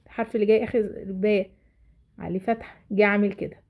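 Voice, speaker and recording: A woman's voice: medium pitch, flat delivery, fast talker. Egyptian woman teacher quizzing herself aloud. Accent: Egyptian Arabic. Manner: asks herself questions and answers them. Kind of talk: explaining a lesson to parents and children. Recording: dull lo-fi recording.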